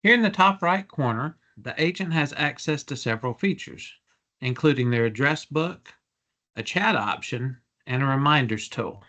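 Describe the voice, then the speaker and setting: Male product demonstrator, average pitch, measured businesslike explainer delivery for a software walkthrough. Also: lively intonation.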